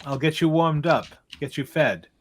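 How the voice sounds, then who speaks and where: A man voicing a large, gruff but fawning innkeeper in a tabletop game, speaking in a hearty, apologetic way with hesitations. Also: a little high, moderate pace, natural voice. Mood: welcoming.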